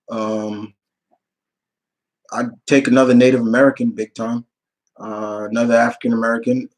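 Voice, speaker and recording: In a loose livestream Q&A, a man with a mid-range, slightly mellow voice reads out what viewers ask and responds on the spot, hesitating and repeating phrases as he goes. The audio is poor.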